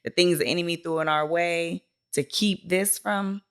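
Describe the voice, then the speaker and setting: A woman's voice: lowish voice, fairly even intonation, clean tone. A woman co-hosting a podcast in a casual, heartfelt chat, speaking emphatically in rhythmic lists. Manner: emphatic, builds rhythmic lists, quick affirmations. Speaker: podcast co-host.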